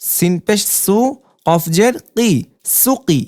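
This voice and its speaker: A teacher giving a recorded reading lesson, spelling out letters and vowel marks syllable by syllable, then repeating each joined sound slowly and patiently before giving homework. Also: medium pitch, a little mellow. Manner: slow, patient drilling with many repetitions.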